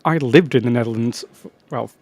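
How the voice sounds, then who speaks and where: A man's voice: mid-range voice, brisk, darkish tone. A man casually commenting on his own strategy game, rambling and breaking off into chatty asides.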